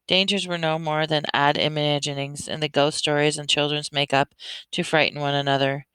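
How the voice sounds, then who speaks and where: A woman reading a children's novel aloud in a steady manner, now and then correcting herself. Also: low-pitched, normal speed, clear, resonant tone, dry recording, low-quality recording. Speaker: reader.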